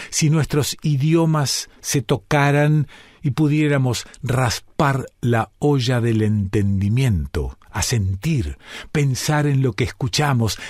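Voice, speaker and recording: A man on the radio, reading his own prose poem in a slow, measured, contemplative way. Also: mid-range voice, a little mellow, dry recording, clean studio sound. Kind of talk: reflective poetic reading.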